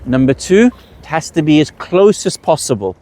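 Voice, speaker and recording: Brief: male workshop teacher, a touch higher pitched, patient, explains step by step and asks rhetorical questions. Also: sing-song, normal speed, warm tone. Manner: asks the audience rhetorical questions, then answers them. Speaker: religious teacher leading a workshop.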